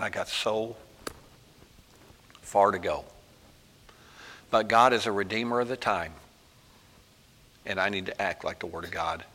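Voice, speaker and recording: A man's voice: medium pitch, fairly bright tone, long reverb tail. A man preaching a sermon in a folksy, emphatic storytelling manner with many asides.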